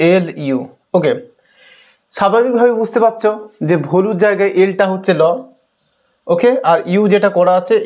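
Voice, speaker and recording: A man's voice: sits high, darkish tone. A male teacher patiently explains an English lesson to young pupils, asking questions and answering them himself and often saying "okay" between points.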